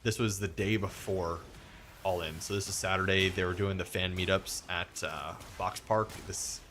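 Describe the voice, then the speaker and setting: A young man hosts a gaming stream and rambles through stories, acting out the voices of the people he quotes. His voice sits fairly low. Faint noise hums behind him. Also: steady tone, moderate pace, a bit bright. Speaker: streamer host. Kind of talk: casual chat while gaming.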